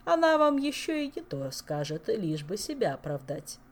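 A woman's voice: medium pitch, very animated, normal speed, pitched above the performer's own voice. A woman voicing a gloomy male investigator who speaks in a dry, matter-of-fact way.

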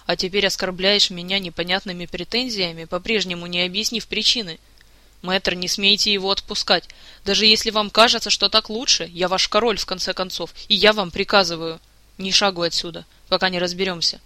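A man's voice: high voice, fairly even intonation, a little fast, sharp tone, no room sound. Man doing a weary, commanding king. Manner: curt, commanding, exasperated. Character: weary adult male king, firm and exasperated.

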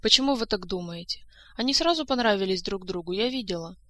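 A woman voicing a sincere, gentle young woman who speaks a little higher than the reader's own voice. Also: animated, fast talker, no room sound, lightly acted. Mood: earnest.

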